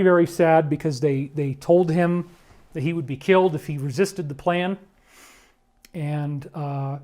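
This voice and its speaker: A man delivering an emotional commentary monologue, emphatic and prone to sudden loud outbursts. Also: on the high side. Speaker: online commentator.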